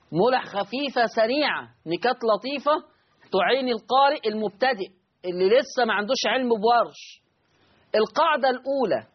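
A man with an Egyptian accent teaching Quran recitation on a call-in lesson, repeating each point slowly so listeners can write it down. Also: high voice, breathy edge, lo-fi sound. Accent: Egyptian Arabic.

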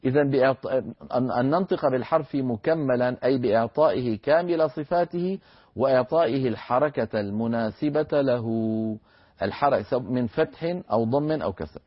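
A man teaching Quran recitation on a televised lesson. He chants verses slowly as examples and breaks words into single sounds to demonstrate them. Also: medium pitch, breathy edge, lo-fi sound.

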